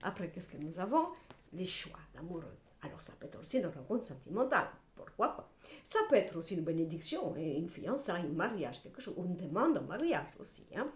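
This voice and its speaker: A woman's voice: fairly low pitch, brisk. A middle-aged woman gives a tarot reading to camera in a blunt, salty, chatty way. Her voice swoops up and down a lot. It sounds roomy and echoey, as if she is recording in a bare room at home. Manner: animated, blunt and salty, with repeated "hein" and "voilà". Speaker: tarot card reader.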